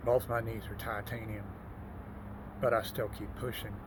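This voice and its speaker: A man's voice: lowish voice, flat delivery, normal speed. A man in his sixties talking plainly and casually to his viewers as a motivational fitness vlogger. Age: 60s. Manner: plain-spoken, addressing viewers as folks. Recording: noisy recording with vehicle ambience.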